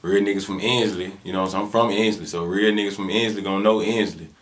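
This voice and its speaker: He talks at a quick pace in a low-pitched voice with fairly even intonation. A twenty-something rapper from Birmingham, Alabama, he responds to an interviewer in a Southern US accent, using casual slang and lots of fillers.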